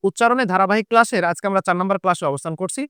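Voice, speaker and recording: Smooth-voiced man from Chapainawabganj teaching. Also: high-pitched, rapid-fire, bright, forceful tone, no room sound, studio quality. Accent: Chapainawabganj Bengali. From Chapainawabganj, Bangladesh. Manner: repeats key points, asks and answers own questions. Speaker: Bengali teacher. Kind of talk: online grammar lesson.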